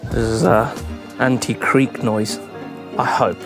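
A man's voice: mid-range voice, steady tone, takes it slowly. A man vlogging casually as he builds out a van, chatty and self-mocking, tired from the work. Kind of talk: casual vlog while building. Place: inside a van under construction. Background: music.

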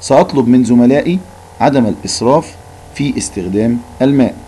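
A man's voice: mid-range voice, fast, warm tone, husky, natural voice. A male teacher reading a young schoolboy's lines in a raised, eager voice.

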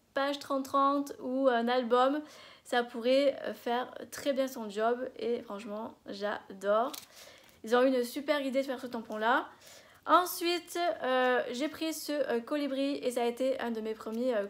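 A woman with a French accent doing a casual vlog haul, gushing over each item and pausing often on filler sounds. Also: high voice. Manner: gushing, many filler "euh"s, repeats "j'adore". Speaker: scrapbooking vlogger.

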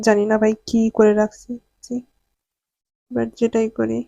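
A woman's voice: on the high side, little pitch movement, unhurried, gravelly, mellow. A young woman from Bangladesh, chatting casually in a vlog and mixing in English words. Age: young adult. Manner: chatty, mixes English words, nervous then wry. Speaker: vlogger.

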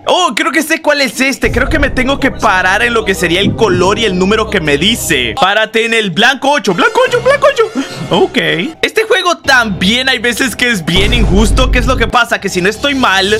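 A young man giving casual gameplay commentary, excitable, yelping and laughing often. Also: sits high, normal speed, few pauses, music in the background. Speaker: gaming streamer.

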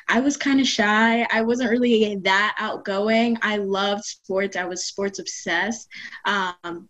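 A young woman student from Ethiopia, raised in Virginia, answering interview questions in a soft-spoken, casual way with lots of ums. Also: mid-range voice. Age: young adult. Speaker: student panelist. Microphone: laptop webcam.

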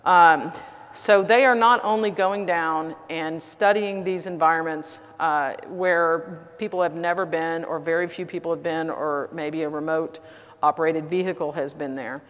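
A woman's voice: sits low, steady tone, measured pace, fairly bright tone. A middle-aged woman with a Texas accent giving a conference talk, chatty and self-deprecating with frequent fillers. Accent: Texan. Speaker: conference speaker. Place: large conference hall. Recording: reverberant conference hall.

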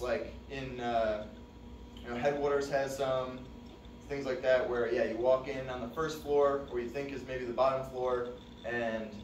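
A male fire service instructor gives a classroom training presentation in a dim room with a projector screen. His medium-pitched voice is relaxed and conversational, full of "uh" fillers, and a far camera mic leaves it distant and echoey with slight background noise.

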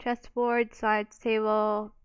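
A woman's voice: mid-range voice, monotone, slow, dull audio, slight background noise. A young woman giving casual, exclamatory commentary while playing a life-sim game, swearing freely. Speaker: let's play gamer.

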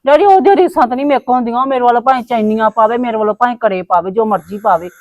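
A woman with a high voice who talks fast and pleads in a worked-up, complaining way. The sound is dry and close. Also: darkish tone, dry recording. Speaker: daughter in family drama. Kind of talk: casual Punjabi family vlog acting.

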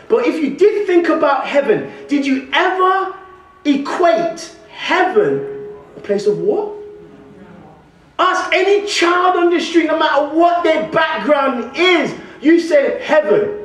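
Speaking a little slowly in a very high-pitched voice, a young West Midlands Englishman preaches as a guest, firing questions at the congregation and gesturing widely at the pulpit. The big indoor church hall echoes, picked up by a pulpit stand mic and a far-off camera.

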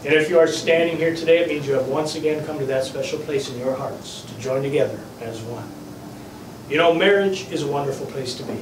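A man's voice: on the high side, brisk. Male [name] impersonator officiant; ceremonial, playful, recorded at a distance with slight background noise. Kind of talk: officiating a vow renewal ceremony. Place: small indoor wedding chapel. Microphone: distant camera mic. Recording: echoey room, distant mic, faint noise.

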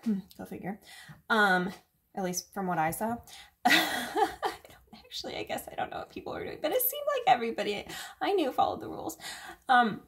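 A woman reviewing a drink in a casual vlog, chatty and sarcastic, full of fillers and swearing. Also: medium pitch. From United States.

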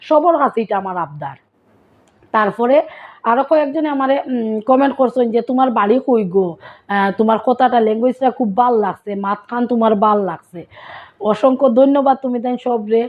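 Sylheti vlogger woman, tinny phone sound. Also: a little high. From Sylhet, Bangladesh. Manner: explains words patiently, often asking listeners if they understand. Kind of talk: casual explanatory vlog talk.

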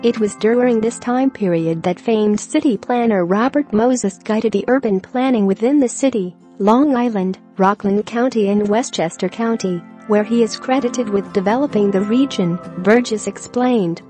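A woman giving a scripted narration of a news article, reading straight through the text in a flat manner. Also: fairly high pitch, moderate pace, hardly any pauses. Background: music.

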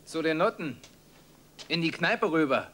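An actor playing a lazy, hard-drinking young husband who answers back surly and defensive, in dubbed film dialogue. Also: male voice, on the high side, lively intonation, measured pace, pushed and bright, a little hiss or hum.

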